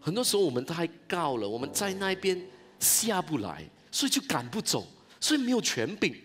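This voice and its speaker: Animated pastor preaching. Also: male voice, fairly high pitch, brisk. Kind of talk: conference sermon. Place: church conference hall.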